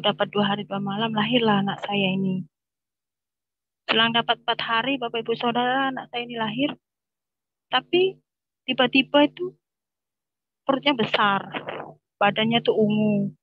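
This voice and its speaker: A woman's voice: a little high, breathy edge, phone-quality sound. Woman giving a tearful-toned religious testimony. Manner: addresses audience repeatedly, vivid storytelling. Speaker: testimony speaker. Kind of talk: emotional personal testimony.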